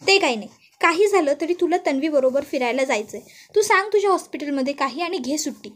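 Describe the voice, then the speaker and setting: A woman's voice: high voice, animated, quick pace. A woman voicing a stern middle-aged mother-in-law who scolds and gives orders. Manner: scolding, commanding.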